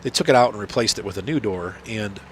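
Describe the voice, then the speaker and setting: Speaking quickly in a lowish voice, a nasal, cold-stricken gaming channel host chats casually as he plays. He rambles with many fillers and restarts, and there's a little hiss or hum on the audio.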